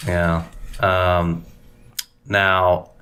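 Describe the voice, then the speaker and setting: A man's voice: low-pitched, level tone, very slow, sharp tone, a little hiss or hum. A man, chatting loosely on a podcast in a meandering, folksy way. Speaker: podcast co-host. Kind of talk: casual chat.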